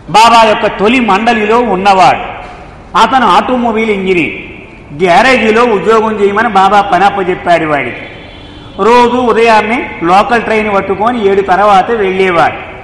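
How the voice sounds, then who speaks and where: A man telling devotional stories in an animated, lively way as a spiritual storyteller, recorded in an echoey hall. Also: high voice, slight background noise. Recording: echoey hall with long reverb, faint ambience.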